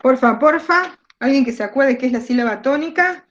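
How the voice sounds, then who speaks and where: A woman's voice: high voice, expressive, moderate pace. A woman teacher with an Argentine Spanish accent giving an online class, asking questions and repeating key words. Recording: dull lo-fi video call audio.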